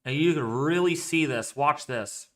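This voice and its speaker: A man giving casual live weather commentary as a co-host, excitable and exclaiming at what he shows on screen. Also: fairly high pitch, a little slow.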